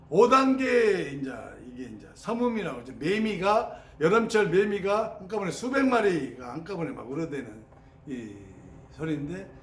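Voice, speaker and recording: A man telling his spiritual experiences in an animated, storytelling way and mimicking sounds as he teaches. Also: high-pitched. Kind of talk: spoken teaching on meditation experiences. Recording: roomy sound with faint ambient noise.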